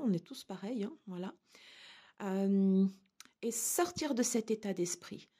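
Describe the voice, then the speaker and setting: A woman giving a tarot card reading to her viewers, speaking gently and reassuringly with frequent hesitations. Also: mid-range voice, husky. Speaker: tarot reader.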